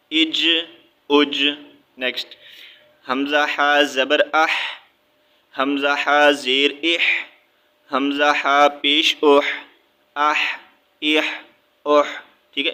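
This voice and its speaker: Pakistani urdu accented guy teaching quran letters, sing-song drills, fairly high bright voice. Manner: chanted drilling repetition with quick asides. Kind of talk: recited alphabet lesson.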